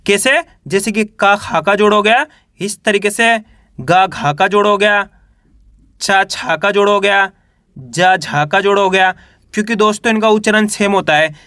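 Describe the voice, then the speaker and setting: A man's voice: sits high, measured pace, pushed and bright, dry recording, studio quality. A man teaching reading, patiently drilling each letter with repeated questions and example words. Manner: patient, repetitive drilling of syllables. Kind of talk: classroom-style spoken lesson.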